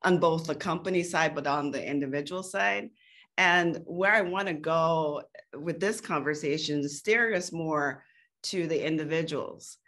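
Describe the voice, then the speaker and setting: A woman's voice: low-pitched, a little slow, a bit bright. A woman hosting a panel conversation, putting questions to the guests in a conversational way. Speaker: panel moderator.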